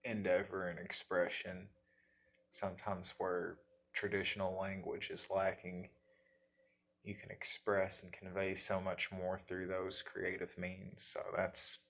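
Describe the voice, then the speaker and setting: A man with an Appalachian accent chatting casually in a folksy, halting, self-deprecating way, as the host of a guitar vlog. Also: low voice, monotone, creaky, a bit bright. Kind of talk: casual rambling chat.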